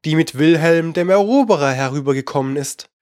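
A man's voice: on the high side, fairly quick, no room sound, studio quality, natural voice. A man voicing a polite, curious young girl who talks eagerly and coaxingly.

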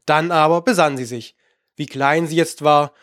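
A man narrating a storybook in an even, measured reading. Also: on the high side, dry recording, clean studio sound. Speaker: audiobook narrator.

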